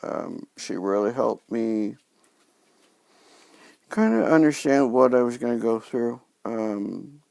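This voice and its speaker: A man talking in a casual video diary, halting and subdued as he recovers from oral surgery, his speech slightly impeded by new dentures and a sore mouth. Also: medium pitch, lively intonation, vocal fry, darkish tone, no echo. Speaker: vlogger sharing recovery from dental surgery.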